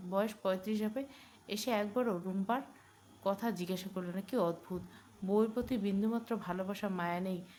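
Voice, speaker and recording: A woman reads a romance novel aloud as a steady storyteller, her voice sitting at a middle pitch. She slows and stresses her delivery when she speaks the characters' lines. A faint ambient hum runs under the recording. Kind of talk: scripted narration of a romance novel with voiced dialogue.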